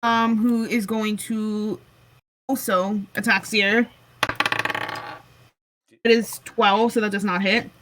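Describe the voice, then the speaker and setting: Slow, bright-voiced woman game master. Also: medium pitch, a little hiss or hum, rough recording. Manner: relaxed, unhurried, with frequent ums. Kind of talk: running a tabletop game over voice chat.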